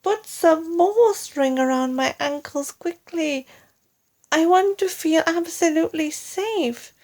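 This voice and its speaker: A woman's voice: very high voice, takes it slowly, darkish tone, pitched above the performer's own voice, heavily acted. A woman voicing a panicky, gullible, melodramatic wife in a storybook, crying out urgent pleas. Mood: frightened.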